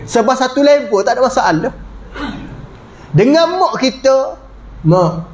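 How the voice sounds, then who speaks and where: A man gives a religious lecture in a chatty, conversational way. His voice sits very high, and he often drops it low to stress a point. The room around him is noticeably echoey. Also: animated, unhurried. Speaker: religious teacher.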